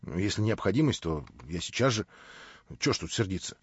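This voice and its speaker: A man's voice: deep voice, lively intonation, fairly quick, slightly rough, no room sound, voice pushed down, heavily acted. Man reading a plaintive naive young man. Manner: plaintive, rambling. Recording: dry, slightly dull lo-fi audio.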